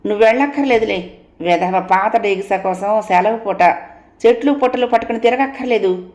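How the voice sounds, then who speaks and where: A woman voicing a bold, talkative young wife who scolds and teases in a quick, playfully bossy way. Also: medium pitch, a little mellow, muffled recording, natural voice. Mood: lively. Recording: roomy echo.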